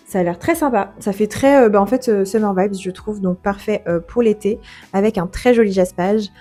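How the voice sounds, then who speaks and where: A young woman chatting casually to camera on her book vlog, filling her talk with fillers and quick self-corrections. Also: mid-range voice, mellow, soft background music. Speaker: book vlogger. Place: holiday home on vacation.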